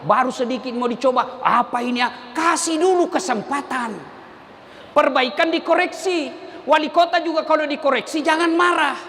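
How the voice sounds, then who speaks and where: A man preaching a humorous sermon, animated and shouting questions to the crowd. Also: very high voice, a little hiss or hum. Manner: animated, shouting call-and-response questions, mimicking voices. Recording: long hall reverb, faint ambience.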